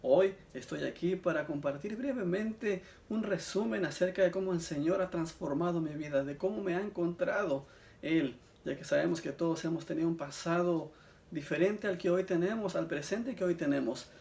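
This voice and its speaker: A Mexican man with a Mexican Spanish accent shares his personal religious testimony earnestly, calling his listeners brothers. His voice is a little high, creaky, and darkish in tone, and he speaks at a normal pace.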